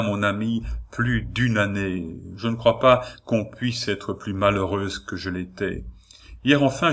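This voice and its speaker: A man's voice: on the low side, a bit bright. A man reading aloud voices a frail, frightened young noblewoman telling her plight in a plaintive, lamenting way.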